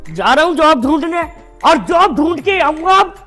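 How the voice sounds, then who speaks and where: A man's voice: extremely high pitch, big pitch swings, normal speed, sharp tone, soft background music, heavily acted. A man acting a whiny, complaining jobless son in a family comedy sketch.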